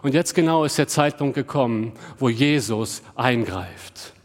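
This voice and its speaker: A male preacher giving a sermon, moving between rising emphatic questions and hushed, tender address to the listener. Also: medium pitch, expressive, measured pace, big-room sound.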